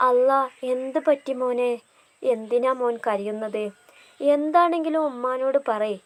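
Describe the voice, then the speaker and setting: A woman voicing a gentle, caring older stepmother who coaxes and comforts her stepson. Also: high-pitched, unhurried, pitched above the performer's own voice. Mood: soothing. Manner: tender, coaxing.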